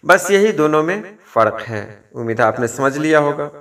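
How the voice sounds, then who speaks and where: A man giving a measured lesson, explaining word usage and quoting verse and example phrases. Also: a little high, expressive, fairly bright tone. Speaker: language teacher. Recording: distant from the mic.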